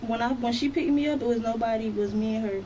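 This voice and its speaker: A woman's voice: fairly high pitch, fast talker, warm tone. An eighteen-year-old woman being questioned by police, answering defensively and repeating herself. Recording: muffled distant interview-room audio with faint noise.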